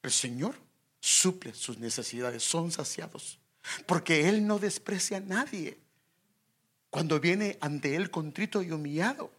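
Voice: medium pitch, unhurried, slightly rough. A preacher giving a sermon who addresses the congregation directly and emphatically, often asking rhetorical questions. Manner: lively, emphatic.

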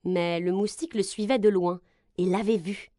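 A woman reading a children's story aloud, with expressive, gentle narration. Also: medium pitch, normal speed, dry recording, clean studio sound.

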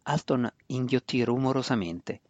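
A man's voice: mid-range voice, moderate pace, a little mellow, dry recording. A man narrating a fantasy novel as a reader. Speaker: audiobook narrator. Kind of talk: scripted narration. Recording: dry, dull lo-fi recording.

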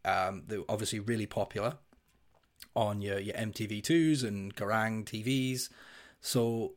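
A man in his thirties with a deep voice, co-hosting a casual music podcast. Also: unhurried. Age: 30s. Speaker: podcast co-host.

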